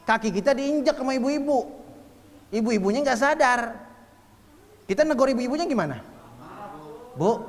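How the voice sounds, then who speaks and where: A man preaching at a religious study session in a lively, joking way, asking his audience questions and answering them. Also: very high voice, in a large hall.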